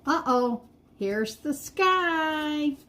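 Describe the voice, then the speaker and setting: A woman's voice: high-pitched, animated, extremely slow, sharp tone. A middle-aged woman hosting a live craft stream, chatting casually with viewers and talking to herself as she paints. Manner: chatty, talks to herself and to viewers, laughs at her own slips.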